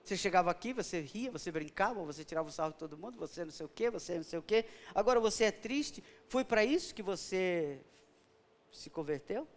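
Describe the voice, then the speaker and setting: A gentle older mother with a Brazilian accent gently asks her grown son why he has changed, as a high-voiced preacher quotes her. Her questions come soft and lowered, and the voice stays close to his own. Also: expressive, fast. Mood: sad questioning. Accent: Brazilian Portuguese.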